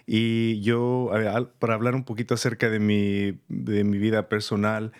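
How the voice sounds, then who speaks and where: A man's voice: lowish voice, level tone, moderate pace, smooth. A man from El Salvador, a loan officer guest in an interview, explaining in a friendly way with simple step-by-step talk and easy laughs.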